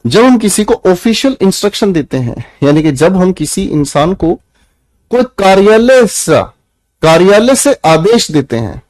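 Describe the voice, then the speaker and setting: A man's voice: high-pitched, a little mellow, no room sound. A young Indian man teaching an English grammar class in Hindi, addressing his students as children and quizzing them as he goes. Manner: calls students "beta", asks the class questions, firm and preachy. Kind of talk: online class lecture.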